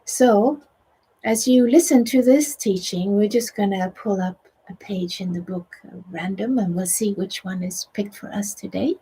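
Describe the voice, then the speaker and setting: A middle-aged woman whose first language is Swedish, speaking with a Swedish accent, leads a guided meditation and spiritual teaching. Her soft, soothing mid-range voice, slightly rough and a little slow, often drops to a whisper on a rough recording.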